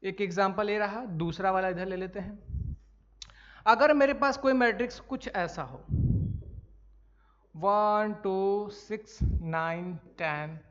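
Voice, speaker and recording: A man teaches maths in a high, fairly bright voice, moving slowly and pausing often as he asks his own questions and answers them, repeating the key points. He calls students "sir" and "bhai" and coughs now and then, all on a dull lo-fi classroom recording.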